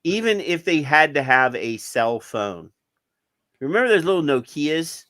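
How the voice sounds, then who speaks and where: A man's voice: fairly high pitch, sing-song, unhurried, a bit bright, no room sound. A middle-aged man co-hosting a podcast, chatting casually and sarcastically, often restarting his sentences. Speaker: podcast co-host. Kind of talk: casual chat.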